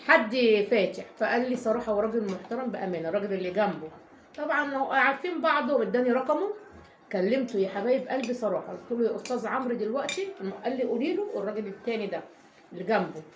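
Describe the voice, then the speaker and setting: A woman's voice: on the high side, expressive, rapid-fire. A woman with an Egyptian accent, a mother telling a long, rambling story to her viewers in a casual vlog, emphatic and full of oaths. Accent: Egyptian Arabic. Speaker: family vlogger, mother. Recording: echoey room, faint background noise.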